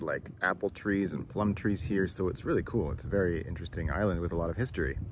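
A man in his thirties with a very low voice talks casually to his phone camera out on an island shore. He is easygoing and chatty, with plenty of fillers. Clear wind and outdoor noise run under the whole recording. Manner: relaxed and chatty, with many "uh" fillers. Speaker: vlogger. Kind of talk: casual travel vlog to camera. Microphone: phone camera at arm's length. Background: outdoor ambience.

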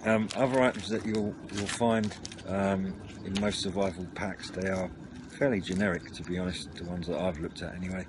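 In a noisy outdoor home recording, a low-voiced man speaks steadily at normal speed. He's a video channel host doing an informal, somewhat rambling and hesitant run-through to camera from a table, captured by the camera mic.

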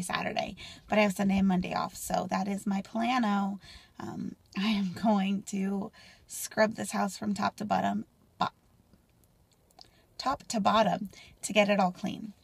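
A woman in her twenties talking candidly to a phone camera in a car, rambling and sometimes dropping to a soft near-whisper. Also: medium pitch, creaky, breathy edge, dry recording. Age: 20s. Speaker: mom vlogger. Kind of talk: casual personal vlog. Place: parked car, indoors. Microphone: phone camera at arm's length.

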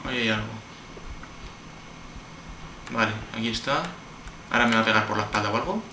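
A man's voice: on the low side, a little fast. A man with a Spanish accent from Spain, hosting a horror game let's play, nervous, jumpy and swearing constantly. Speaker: gameplay video host. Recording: roomy, distant mic, background noise.

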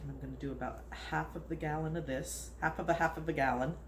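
In her kitchen, a home cooking video host in her sixties talks quickly in a low voice with fairly even intonation, rambling casually and laughing often. An echoey, noisy room is picked up by the phone recording her nearby.

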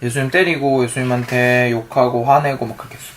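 A man's voice: mid-range voice, fairly even intonation, fast talker, slight background noise. A father reading a picture book aloud to his young child, patiently asking her questions as he reads.

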